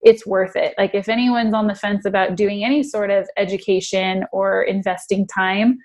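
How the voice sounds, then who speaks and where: Female interview guest, earnest and animated, laughs easily, mid-pitched voice. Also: moderate pace. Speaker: guest brand strategist. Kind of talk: casual interview chat.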